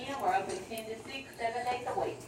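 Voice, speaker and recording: A woman making a polite, formulaic closing announcement to shoppers over a store's public address loudspeaker. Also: on the high side, fast talker. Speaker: store employee. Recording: distant loudspeaker over busy store noise.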